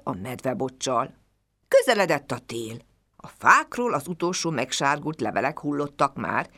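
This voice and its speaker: A woman reading a children's bedtime story aloud in a gentle, expressive way. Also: low-pitched.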